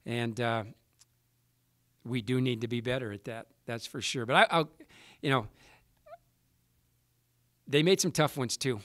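Man in his forties, basketball coach, press conference, halting restarts, dry close table mic. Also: mid-range voice, a bit bright, dry recording. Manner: measured, halting with many restarts. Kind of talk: post-game press conference answers. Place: press room with sponsor backdrop. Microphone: table mic in front.

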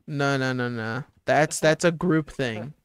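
A man's voice: mid-range voice, a little slow, smooth. A man casually chatting while streaming a game, giggling and swearing freely. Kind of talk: casual gameplay chat.

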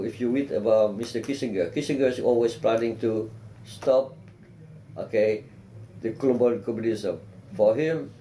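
An older man from South Vietnam with a Vietnamese accent, giving measured, earnest answers in an oral history interview, seated in an office. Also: mid-range voice, mellow, slight background noise, poor audio. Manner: measured, earnest, with frequent restarts and "you know". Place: office with bookshelf and plant. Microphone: seated, framed mid-shot by a camera.

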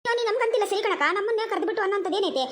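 A woman's voice: very high voice, very fast, a little hiss or hum. A woman voicing defensive village neighbour women in a cartoon comedy, arguing back. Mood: bickering.

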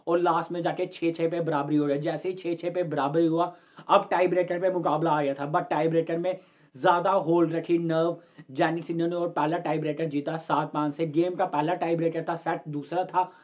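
A man's voice: a little high, little pitch movement, normal speed, darkish tone. A young man hosting his own sports channel, giving a chatty, casual match analysis straight to camera from a room at home and calling his viewers friends. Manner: gestures with hands while explaining.

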